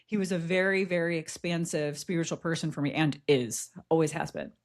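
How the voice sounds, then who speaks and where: A woman's voice: low voice, steady tone, a little fast. A woman co-hosting a podcast, telling a personal story in a candid, reflective way, with frequent laughs and fillers. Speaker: podcast co-host. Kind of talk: casual chat, personal storytelling.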